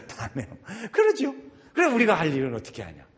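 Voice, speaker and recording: A man preaching a sermon as pastor, leading the congregation in shouted prayers and talking in an animated, energetic way. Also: on the high side, moderate pace. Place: church sanctuary. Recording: long hall reverb.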